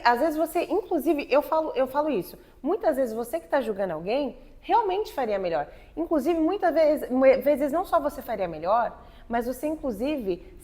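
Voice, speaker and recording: A young adult woman with a Brazilian Portuguese accent, co-hosting a podcast in a frank, emphatic casual chat. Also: fairly high pitch. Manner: frank, emphatic, talks in long stretches. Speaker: podcast co-host.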